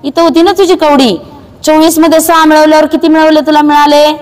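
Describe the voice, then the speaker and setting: High-voiced woman teacher in echoey classroom. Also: flat delivery, a little mellow. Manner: brisk, coaxing, hurrying children along. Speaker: primary school teacher. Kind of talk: classroom teaching through a game. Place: school classroom with children.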